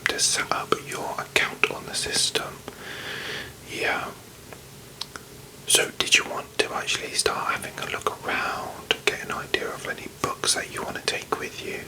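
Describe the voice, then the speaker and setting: A British performer in a whispered role-play, voicing a strict, officious, slightly condescending librarian in a hushed library whisper. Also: a little slow, poor audio. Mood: businesslike.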